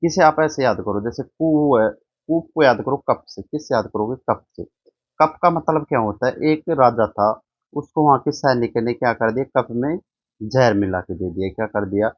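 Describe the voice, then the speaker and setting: A man's voice: medium pitch, normal speed, dry recording. Man teaching vocabulary in a dry, muffled recording. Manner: explains step by step, asking and answering his own questions; keeps reassuring with short checks like "easy, right". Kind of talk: classroom-style vocabulary lesson with mnemonics. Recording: dull, slightly lo-fi dry recording.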